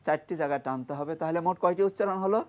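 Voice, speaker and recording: A man's voice: a little high, fast talker. A man with a Bangladeshi Bengali accent teaching Quran reading on a TV studio show, quizzing pupils, praising right answers and drilling syllables for them to repeat. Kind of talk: studio quiz lesson with a class.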